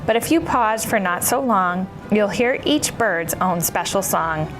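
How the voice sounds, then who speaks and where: A woman's voice: medium pitch, lively intonation, unhurried, music in the background, poor audio. A woman hosting a children's story time, playful and bubbly like an entertainer for young listeners. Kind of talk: children's story time chat and read-aloud.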